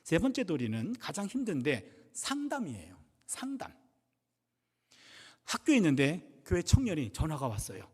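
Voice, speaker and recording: A man's voice: on the high side, wildly swooping pitch, normal speed, darkish tone, slightly rough. A middle-aged man, a pastor and professor, preaching a sermon at a revival service with humorous storytelling and acted-out dialogue. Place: church sanctuary. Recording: long reverb of a church hall.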